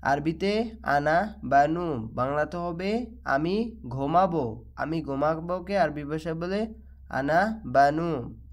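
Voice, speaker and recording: A man with a Bangladeshi Bengali accent teaching a language lesson, repeating each phrase slowly and deliberately. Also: fairly high pitch, lively intonation. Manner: slow, repetitive drilling of phrases. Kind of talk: slow spoken language lesson.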